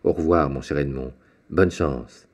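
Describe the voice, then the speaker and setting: A man's voice: rumbling low, steady tone, a little slow. A man voicing a jovial, fatherly middle-aged shipowner in an audiobook, hearty and kindly. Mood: paternal. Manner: hearty, paternal.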